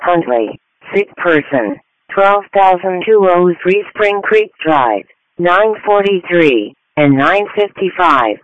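A man making measured, formulaic emergency dispatcher announcements over a radio. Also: high-pitched, expressive, no room sound, muffled recording. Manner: measured, formulaic call-outs. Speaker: police and fire dispatcher. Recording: dry emergency radio channel audio.

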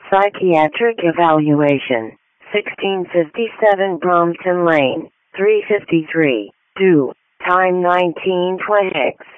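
Over a thin, phone-like radio channel, a man announces emergency dispatches. His voice is high for a man and slow. The delivery is measured, formulaic and procedural. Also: no echo.

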